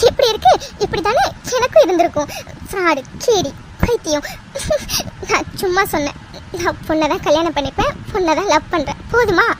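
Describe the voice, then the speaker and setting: A very high, squeaky cartoon young woman, fiery and devoted in love, pleading and scolding in turn. The recording carries a clear layer of noise behind her. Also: big pitch swings, normal speed. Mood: teasing. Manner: pleading, then scolding and tearful. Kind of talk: cartoon voice acting. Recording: noisy recording.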